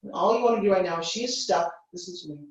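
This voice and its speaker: A woman with a low-side voice coaches a live business workshop, speaking fast with lively intonation. She gives brief, commanding instructions and breaks in to correct, captured in an echoey room by a distant, dull microphone.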